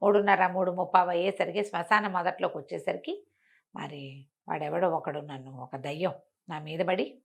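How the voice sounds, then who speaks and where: This bedtime story comes from a woman whose voice sits on the low side, with vocal fry and a breathy edge. She talks at a moderate pace in a conversational, expressive style, posing rhetorical questions and voicing the villagers' exclamations.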